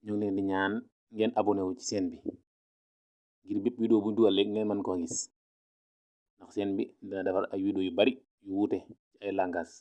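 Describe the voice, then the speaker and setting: A man teaching English phrases in Wolof, repeating each phrase slowly word by word. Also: on the low side, little pitch movement, mellow. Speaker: language teacher. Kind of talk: slow, deliberate English lesson in Wolof. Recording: dull lo-fi recording.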